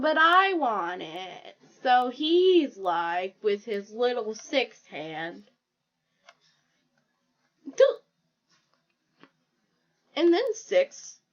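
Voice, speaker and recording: A woman's voice: on the high side, muffled recording. A woman casually narrating as she draws, rambling and giggling as she makes up a silly story aloud. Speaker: drawing video creator. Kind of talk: casual narration while drawing.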